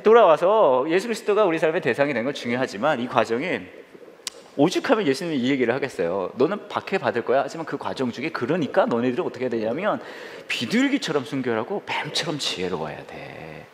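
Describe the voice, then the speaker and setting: A middle-aged man, a senior pastor, preaching a humorous sermon and acting out little scenes in squealing high voices. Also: sing-song, quick pace. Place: church sanctuary. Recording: reverberant church hall.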